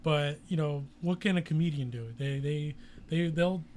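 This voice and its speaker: A man's voice: on the high side, steady tone, normal speed, darkish tone, a little hiss or hum. A man in casual chat, rambling with frequent restarts and swearing. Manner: rambling, profane, hesitant restarts.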